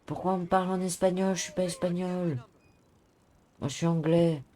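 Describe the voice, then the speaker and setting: A man's voice: sits high, steady tone, normal speed, dark tone, pitched above the performer's own voice, lightly acted. A man playing a mild, worried, clumsy Englishman in an online role-play, hesitating in simple, slightly broken French with an English accent. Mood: plaintive, chatty.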